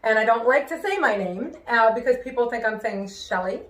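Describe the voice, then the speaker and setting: A woman's voice: fairly high pitch, a little fast. Woman chatting about her life, hearing impaired speech, r's sound kinda like w, careful inflection, roomy echo. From New York, United States. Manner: careful pronunciation with worked-on inflection; expressive, emphatic. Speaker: singer and show host. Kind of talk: personal conversational talk. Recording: echoey room.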